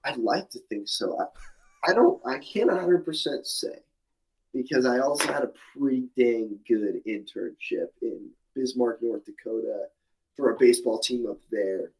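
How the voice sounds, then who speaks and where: A man's voice: medium pitch, a little slow, darkish tone, low-quality recording. A young man in his twenties, the guest in a casual interview, talking in long rambling answers full of restarts and fillers. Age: 20s. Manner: rambling, many restarts and fillers, laughs at himself.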